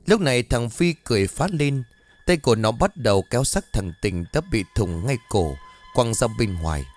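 A male storyteller reading a ghost story in a tense, dramatic way. His pitch rises and falls with lively expression, and soft music runs faintly underneath. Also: moderate pace. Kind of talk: dramatic horror story narration.

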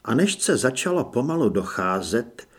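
Husky, expressive male audiobook narrator. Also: medium pitch. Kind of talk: scripted narration.

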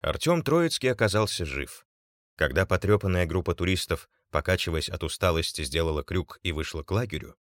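A man with a fairly low voice narrates an audiobook in a measured, steady way. The sound is close and dry, with no room around it. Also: no room sound.

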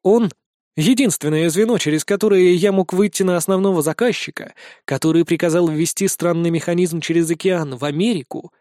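A man narrating a fantasy audiobook in a steady, dramatic storytelling voice. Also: sits high, brisk, no room sound, clean studio sound. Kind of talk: scripted narration.

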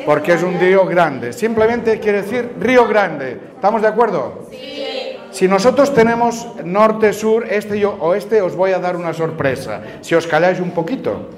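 High-voiced man teaching a noisy room. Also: normal speed. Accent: Canarian Spanish. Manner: patient, questioning the audience. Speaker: teacher giving a talk to students. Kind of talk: classroom talk on word origins. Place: large room with an audience. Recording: lively audience noise around the speaker. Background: crowd of listeners.

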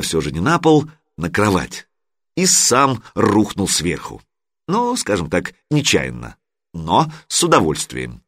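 A male narrator reads an audiobook with animated storytelling. His voice is fairly low and lively in pitch. The recording is dry, with no room echo. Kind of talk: expressive audiobook reading.

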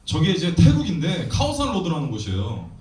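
Animated man preaching in echoey hall. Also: fairly high pitch, a little fast. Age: 30s. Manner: animated storytelling with acted quotes. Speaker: missionary preacher. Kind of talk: sermon testimony. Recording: echoey hall, distant mic, faint noise.

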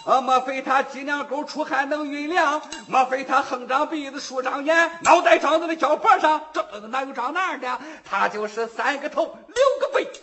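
A man's voice: normal speed, hardly any pauses, exaggerated voice. A man muttering as a shrewd old bystander. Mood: scolding. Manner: mumbling, low and hushed, wheedling. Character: old male bystander, timid, shrewd, mocking. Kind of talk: traditional storytelling performance.

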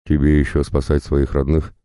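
A man voicing a mighty, protective male bear god who growls his words in a very deep voice. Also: completely flat delivery, normal speed, dark tone, clear, resonant tone, dry recording, clean studio sound. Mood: tender.

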